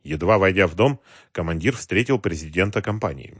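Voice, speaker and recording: A man narrating an audiobook in a measured storytelling voice. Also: low voice, expressive, a bit bright, breathy edge, no echo, studio quality. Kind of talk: scripted narration.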